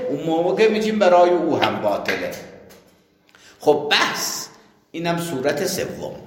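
Lively lecturing man in an echoey hall. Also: a little high. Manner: explains with worked examples, asks and answers himself. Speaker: seminary teacher. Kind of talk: jurisprudence lecture.

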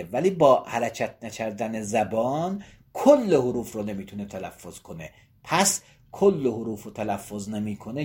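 A man teaching as a seminary lecturer. He reads Arabic passages aloud, then explains them in plain terms, repeating and rephrasing his points with frequent pauses. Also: medium pitch, a little mellow, husky. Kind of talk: teaching a text on Islamic law.

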